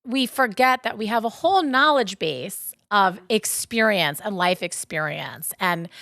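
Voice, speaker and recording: A woman with a Long Island accent, co-hosting a podcast in casual, animated chat. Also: mid-range voice, dry recording, studio quality. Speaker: podcast co-host.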